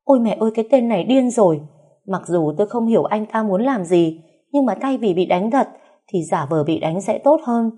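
A woman's voice: medium pitch, animated, fairly quick, warm tone, breathy edge. A woman narrating a first-person story in an emotional, plaintive way.

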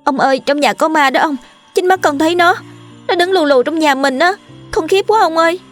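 A woman voicing a frightened young servant girl who tattles in a shrill, breathless rush. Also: a little fast, soft background music, natural voice. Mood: terrified.

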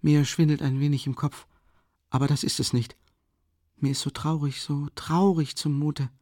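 A man voicing a feverish, weak young man who speaks in a halting, strained way that climbs upward in pitch, read as an audiobook character. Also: level tone, darkish tone, no room sound, studio quality, close to an everyday voice. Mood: feverish, faint.

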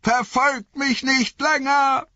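A man voicing a frightened young male hobbit who shouts thin, shrill defiance at his pursuers in an audiobook reading. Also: little pitch movement, takes it slowly, no echo, muffled recording, exaggerated voice. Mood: desperate defiance.

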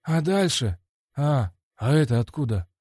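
A man's voice: mid-range voice, sing-song, a little slow, a little mellow, slightly rough, dry recording, clean studio sound, pitched above the performer's own voice. A man voicing a breezy, talkative young male fighter in an audiobook.

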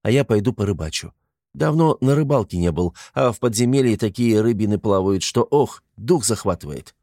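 A man's voice: on the low side, animated, moderate pace, mellow, no room sound, studio quality. A man voicing a good-humored young lord in an audiobook, teasing and easygoing. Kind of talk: audiobook character voice.

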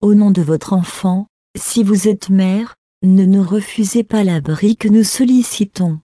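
A woman reading the part of a tender holy mother, in a soft, pleading way. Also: medium pitch, a little slow, no room sound, clean studio sound, close to an everyday voice.

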